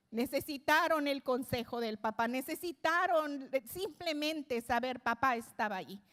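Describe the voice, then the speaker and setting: A middle-aged woman with a high voice speaks in an expressive, conversational way. She teaches a church service and often stops on fillers and restarts her phrases. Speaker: church speaker addressing mothers. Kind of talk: Spanish-language church teaching.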